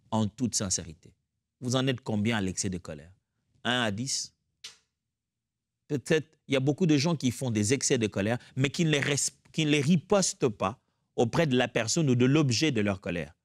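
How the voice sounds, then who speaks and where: A man's voice: mid-range voice, dry recording, studio quality. A man teaching the Bible in an earnest, exhorting way, moving into fervent prayer.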